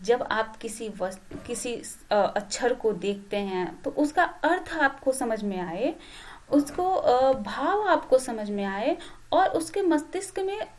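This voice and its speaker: A woman with a high voice gives a patient lesson to teacher trainees. She talks through each point step by step. She keeps checking in with her listeners and pauses on fillers as she goes. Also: expressive, darkish tone. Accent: Hindi. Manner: explains slowly with many "ठीक" check-ins and fillers. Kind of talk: classroom lecture.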